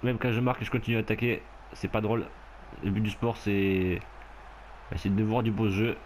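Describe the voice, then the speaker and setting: A man with a lowish voice talks briskly over slight background noise. He's a gameplay commentator casually narrating his own rugby video game match, getting excitable, shouting and laughing at the play.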